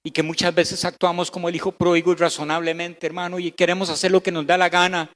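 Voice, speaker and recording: A man with a Costa Rican Spanish accent preaching a sermon as pastor, swinging between loud emphasis and hushed, slow passages. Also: sits high, flat delivery. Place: church hall. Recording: echoey church hall.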